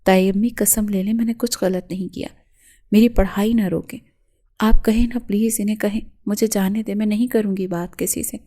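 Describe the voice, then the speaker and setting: Woman reading as a scared young girl begging and crying, stammery, warm soft voice, audio novel. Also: medium pitch, fairly even intonation, close to an everyday voice. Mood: tearful pleading. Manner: tearful, pleading, stammering. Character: frightened young woman student, pleading and sobbing.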